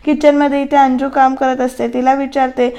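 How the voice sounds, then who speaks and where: A woman's voice: sits high, flat delivery, normal speed, warm tone. A woman giving a chatty, casual voice-over recap of a TV serial, turning often to her viewers. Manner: chatty, talks straight to viewers. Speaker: TV serial reviewer. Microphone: voice-over mic.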